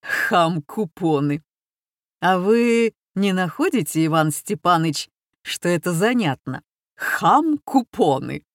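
A woman's voice: on the low side, lively intonation, dry recording, studio quality. A woman voicing a fawning, pretentious male lodger who stretches out his exclamations. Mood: delighted. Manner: drawn-out, delighted exclamations.

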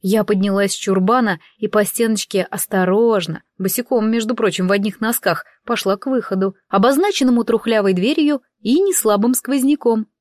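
A woman's voice: mid-range voice, brisk, few pauses, darkish tone, no echo. A woman reading a first-person audiobook with dry, ironic storytelling. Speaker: audiobook reader.

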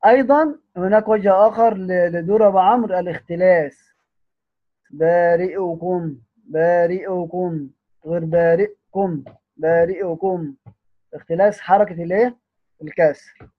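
High-voiced Egyptian teacher on tinny audio. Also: male voice. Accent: Egyptian Arabic. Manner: drawls recited words slowly, then explains quickly with many restarts. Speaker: Quran recitation teacher. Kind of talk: teaching the ten readings, alternating recitation and explanation.

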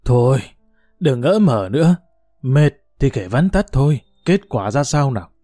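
A man voicing a sharp-tongued older wife who scolds and pries at her husband. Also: medium pitch, very animated, a little slow, no echo, clean studio sound, soft background music. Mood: scolding. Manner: scolding, prying.

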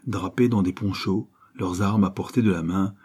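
A man reads an adventure novel aloud in a steady, measured way. His voice is low, mellow and husky. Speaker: audiobook narrator. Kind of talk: scripted narration of an adventure novel.

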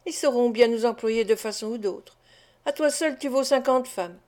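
A woman reader plays a greedy young braggart, brash and swaggering, full of himself in a storybook reading. The voice sits on the high side. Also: normal speed, a little mellow, natural voice.

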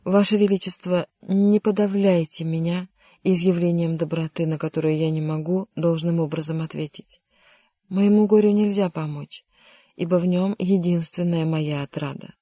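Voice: mid-range voice, steady tone, normal speed, dark tone, no echo, studio quality, natural voice. A reader voicing a melancholy, lovesick young nobleman in an audiobook, earnest and bitter. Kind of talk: audiobook character reading.

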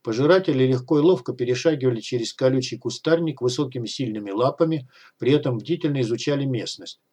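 A man narrating an audiobook in a steady, measured reading. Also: medium pitch, breathy edge. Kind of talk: scripted narration.

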